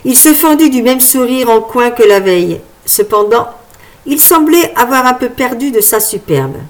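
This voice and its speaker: A woman reading a first-person novel aloud as an audiobook narrator, in a lively, wry storytelling manner. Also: on the high side, moderate pace.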